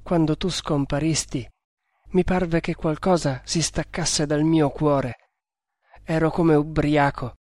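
A man's voice: a little high, steady tone, slow, darkish tone, dry recording, studio quality. A man reading an audiobook, voicing a young snake hunter who speaks with ardent passion. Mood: passionate. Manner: ardent, impassioned.

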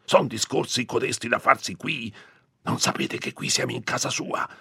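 A man voicing a fearful, irritable old village priest who scolds in a hushed, anxious voice, raising his pitch well above his own. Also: lively intonation, moderate pace, creaky, breathy edge, no echo, clean studio sound, heavily acted. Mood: hushed scolding.

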